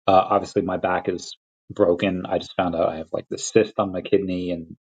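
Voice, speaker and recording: A young man from Peru hosting a casual livestream chat, rambling and restarting his sentences, with quick laughs between thoughts. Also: low-pitched, level tone, husky. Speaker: crypto livestream host. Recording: lo-fi dull audio.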